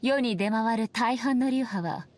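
A woman playing a regal, solemn female shogun and swordswoman in a game, speaking formally and with measured stateliness. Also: a little high, a little mellow, natural voice. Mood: solemn, composed. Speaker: voice actor. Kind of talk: Japanese anime-style game character voice lines.

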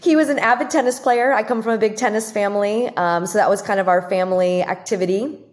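A woman's voice: medium pitch, fast. A woman doctor as a podcast guest, talking reflectively in a casual conversation with frequent fillers. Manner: reflective, talks with many fillers and "like".

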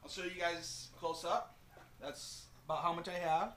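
A man's voice: fairly high pitch, steady tone, moderate pace, echoey room, far from the mic, a loud crowd, rough recording. A man chatting casually to his viewers in a home vlog, rambling and talking straight to camera. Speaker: YouTuber. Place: room at home.

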